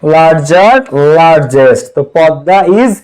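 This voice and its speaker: A young man with a fairly high voice teaches a live online class. He keeps asking his students short questions and answering them himself, repeating key words over and over. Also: expressive, measured pace, a little mellow, low-quality recording. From Bangladesh. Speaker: English teacher.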